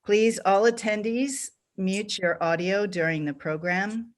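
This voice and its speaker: A woman's voice: mid-range voice, a little slow. A woman hosting and introducing speakers at an online event over a video call, speaking earnestly with small restarts. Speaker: program director and event host. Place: home or office on a video call.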